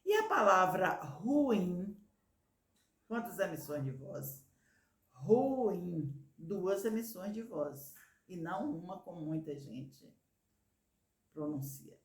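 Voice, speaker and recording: A woman's voice: lowish voice, very animated, takes it slowly, reverberant. A woman teaching language in a video, patiently drawing out example words syllable by syllable. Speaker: Portuguese teacher. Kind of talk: slow, careful teaching video.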